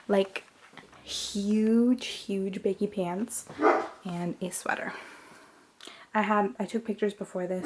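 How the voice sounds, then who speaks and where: A young woman chats her way around her messy bedroom, speaking into a handheld camera. Her talk is loose and full of fillers, and now and then she slips into a whispered aside. A faint hiss sits under the recording. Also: medium pitch. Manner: rambling, filler-heavy, with soft whispered asides. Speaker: vlogger. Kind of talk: casual room tour. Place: her cluttered bedroom, indoors.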